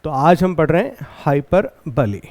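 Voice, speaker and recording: A man gives an exam-prep lesson. He explains slowly and repeats each point, then puts questions to his class and answers them himself. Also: a little high, big pitch swings, darkish tone. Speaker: teacher.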